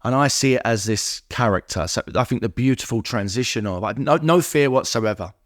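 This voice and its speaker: A man's voice: lowish voice, no room sound, studio quality. A man as a podcast guest, speaking candidly about recovery, with many restarts and fillers in an earnest, searching way.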